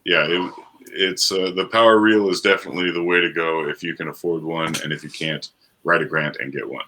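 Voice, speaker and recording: Deep bright-toned man telling a story. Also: steady tone, a little fast, slight background noise. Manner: chatty storyteller, easygoing. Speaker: interviewer. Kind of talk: interview questions and anecdote.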